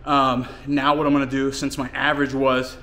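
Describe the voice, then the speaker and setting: A man's voice: medium pitch, flat delivery, normal speed, fairly bright tone, slight background noise. A man, a fitness coach, talking casually through his workout and catching his breath as he explains his training. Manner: explains training plainly between efforts, with fillers. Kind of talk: casual workout vlog talk. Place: home gym and outdoors in winter.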